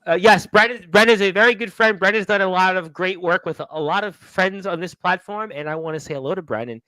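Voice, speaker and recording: A Brooklyn, New York man hosts a radio show, rambling and chatty, with plenty of "uh" fillers as he gives listeners shout-outs. His voice sits high and comes out fast, pushed, and bright, with no echo but a rough recording.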